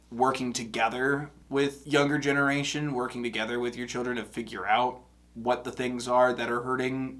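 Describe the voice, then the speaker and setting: Hosting a music reaction video, this young man sounds stuffed up and a bit bright, his voice sitting at medium pitch. He muses casually, rambling along with many fillers and false starts.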